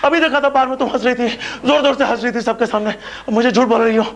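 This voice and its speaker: An actor playing a menacing male serial killer who taunts and mocks his victim, repeating himself and swinging between whispers and shouts. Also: high-pitched, big pitch swings, normal speed, husky, heavily acted. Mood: mocking. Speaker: villain in a TV crime drama.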